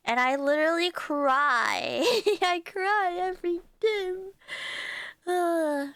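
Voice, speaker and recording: A woman's voice: sits high, a bit bright, smooth, no echo. A woman streaming live in casual chat, giddy and rambling with lots of fillers, sounding congested.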